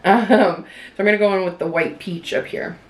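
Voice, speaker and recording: A woman's voice: mid-range voice, fairly quick. A young woman vlogger chatting in a rambling way while doing her makeup, full of likes and restarts. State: tearful at moments. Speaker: beauty vlogger.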